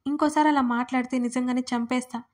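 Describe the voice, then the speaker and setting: A woman's voice: sits high, fairly even intonation, fast, darkish tone, close to an everyday voice. Woman reading a stern protective young lover.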